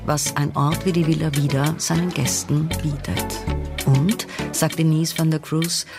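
A woman reporter reading a scripted news feature narration in a composed, even way. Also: sits low, unhurried, over music. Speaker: radio reporter.

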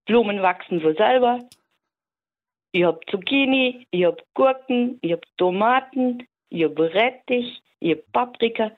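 A woman calling in to a radio show, calm and easygoing, often restarting her sentences. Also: on the high side, unhurried. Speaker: caller. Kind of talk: casual phone-in chat. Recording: tinny phone line.

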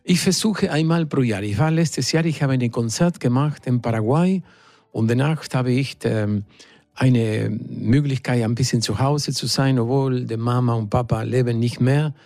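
A middle-aged man from Argentina with an Argentine Spanish accent, speaking German as a second language in a radio interview, halting and searching for words. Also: medium pitch, darkish tone, no echo. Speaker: singer, studio guest.

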